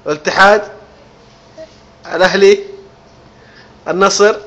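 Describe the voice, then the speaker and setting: A woman comforting a crying child in a home video, soothing her with repeated reassurances and gentle teasing. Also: mid-range voice, fairly even intonation, a little slow. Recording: noisy home video recording.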